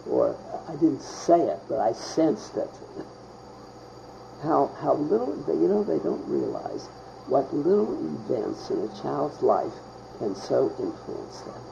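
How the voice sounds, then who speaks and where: An older man from Pittsburgh tells his childhood memories slowly in a gravelly voice, his pitch rising and falling as he goes. He halts often and hunts for words. The recording is muffled, with loud crickets and insects behind him. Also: slight background noise. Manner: halting, searching for words with many pauses. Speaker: oral history interviewee. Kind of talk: reminiscing in an interview.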